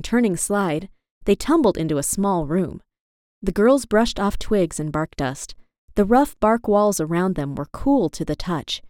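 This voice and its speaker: A woman reads a children's storybook aloud with an animated, expressive delivery. Her pitch moves lively up and down through the sentences. The sound is close and dry, with no room echo. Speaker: narrator.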